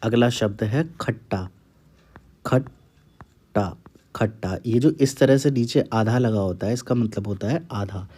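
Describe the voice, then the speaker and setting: A man's voice: mid-range voice, moderate pace, few pauses, warm tone, slightly rough. A man teaching Hindi, dictating words and repeating each one twice. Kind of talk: word dictation.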